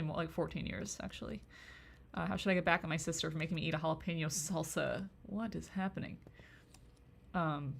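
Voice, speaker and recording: A woman with a fairly low voice chats casually while she draws on a live stream. She reads viewers' comments aloud and answers them in an easygoing, talkative way. A faint hum of room noise sits under her voice. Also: creaky, a bit bright.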